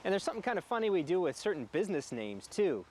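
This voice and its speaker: A man reporting live for the news in a friendly, animated way. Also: high voice, fast. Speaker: field reporter.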